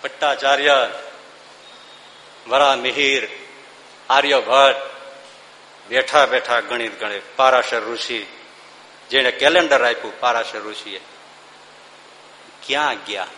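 A man's voice: mid-range voice, slow pace, long pauses, sharp tone, roomy sound, in a large hall, a little hiss or hum. A man giving a devotional discourse, speaking emphatically with rhetorical questions and breaking into sung verses.

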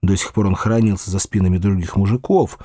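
A man reading a classic novel aloud as narrator, measured and expressive. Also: sits low, no echo, clean studio sound. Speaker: audiobook narrator. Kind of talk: scripted literary narration.

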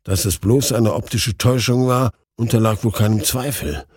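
Husky-voiced male storyteller. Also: lowish voice, a little mellow, no echo, studio quality. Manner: measured, dramatic storytelling. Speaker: audiobook narrator. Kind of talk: scripted story narration.

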